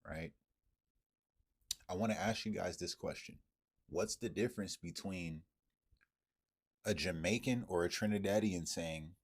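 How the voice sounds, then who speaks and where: A commentator with a low, breathy voice launches into a heated, profanity-laced monologue. He keeps hurling rhetorical questions at his viewers.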